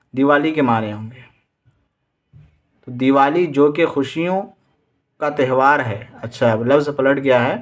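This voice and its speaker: A man with a mid-range voice and an Indian Urdu accent teaches exam vocabulary. He reads out each word with its meaning, repeats it, and quizzes his students.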